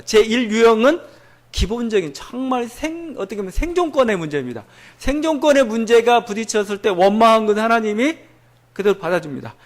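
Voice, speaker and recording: High-voiced Korean pastor preaching conversationally. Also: male voice. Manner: conversational, explanatory preaching with many fillers and quoted voices. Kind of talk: sermon.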